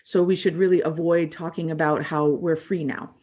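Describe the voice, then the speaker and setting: A woman's voice: sits low, steady tone, moderate pace, warm tone. Earnest American woman giving a training talk. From United States. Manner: earnest, conversational with many fillers. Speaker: refugee services trainer.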